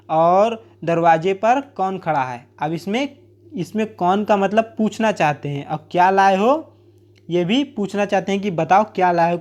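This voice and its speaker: A man teaching a grammar lesson, explaining plainly with everyday examples and repeating key points. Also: high-pitched.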